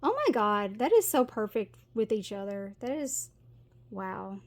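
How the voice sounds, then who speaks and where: A middle-aged tarot reader from Tennessee, with a Southern accent, chats to camera through a casual reading full of fillers and giggles. Her medium-pitched voice has lively intonation and a slightly slow pace.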